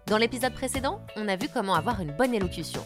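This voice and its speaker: Over background music, a young female radio journalist delivers an upbeat scripted tutorial straight to the listener at a quick pace. Her mid-range voice is lively as she addresses you directly and models intonation.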